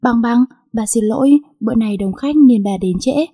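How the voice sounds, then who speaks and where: A woman voicing a gentle, hardworking poor father who speaks tenderly and reassuringly to his daughter in a storybook reading. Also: a little high, normal speed, husky.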